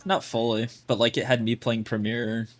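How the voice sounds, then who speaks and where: A man's voice: mid-range voice, little pitch movement, moderate pace. A man coaching a player through their gameplay in a casual, blunt way, full of "like" fillers. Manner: blunt, chatty, lots of fillers like "like". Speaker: game coach.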